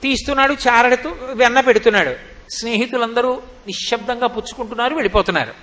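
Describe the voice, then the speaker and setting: Brief: male preacher, high bright voice, animated story discourse, long hall echo. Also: fast. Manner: animated, with dramatic exclamations.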